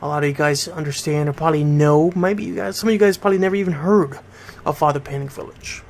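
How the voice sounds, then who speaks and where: Fast and steady, this slightly high, darkish voice comes from a middle-aged DJ in Bridgeport, Connecticut. He hosts a radio show and chats informally, speaking directly to listeners.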